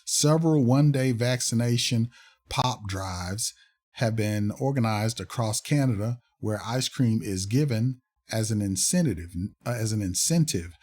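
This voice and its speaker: A man giving casual commentary on fact-check articles, reading passages aloud and pausing often with fillers and restarts. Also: fairly low pitch, darkish tone. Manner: halting, many fillers and restarts, reads aloud then comments.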